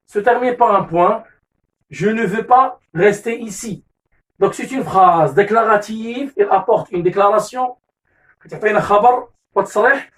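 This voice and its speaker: A man with a Moroccan accent teaching a grammar lesson, repeating key terms, correcting himself and switching into Moroccan Arabic asides. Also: high voice. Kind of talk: classroom lesson explanation. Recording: voice distant from the mic.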